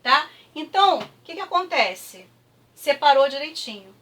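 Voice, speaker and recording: A woman's voice: high-pitched, expressive, pushed and bright, recorded from a distance. A woman with a Brazilian Portuguese accent teaching a review lesson, patient and checking in often with her students. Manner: patient, repeats words slowly with clapping, frequent "tá?" checks.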